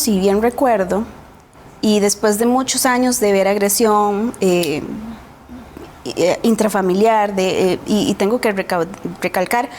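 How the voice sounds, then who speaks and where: This woman speaks at a medium pitch with a somewhat mellow tone, and a little background noise can be heard. She has a Costa Rican accent and is telling her personal story with sincerity as a TV talk show guest, frequently ending remarks with a questioning tag.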